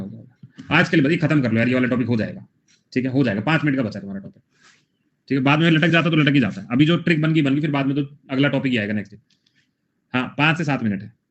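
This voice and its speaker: A man's voice: on the high side, fairly bright tone, lo-fi sound. A man teaching a general knowledge class, repeating memory tricks and calling on his students as brothers. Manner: drills mnemonics with repetition, addresses students as brothers. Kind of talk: live online GK class.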